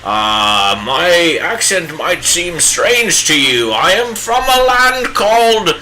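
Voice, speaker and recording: A man's voice: high voice, sing-song, sharp tone, slight background noise, full character voice, poor audio. A man playing a pompous bearded old wizard with a put-on British accent, hamming it up while he paints live. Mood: grandiose. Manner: hammy, drawn-out theatrical wizard speech.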